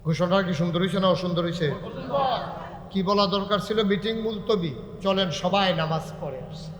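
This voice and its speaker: High-voiced preacher in an echoing hall. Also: male voice, a little fast. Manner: sing-song preaching, rising to loud calls and dropping to soft banter. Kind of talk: sermon. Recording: echoey hall with long reverb.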